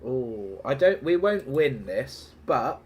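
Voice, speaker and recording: A gaming streamer with a heavy cold sounds congested as he casually commentates his own gameplay. His mid-range voice is sing-song, slow and slightly rough. He's chatty and laughs often, muttering to himself between battle calls.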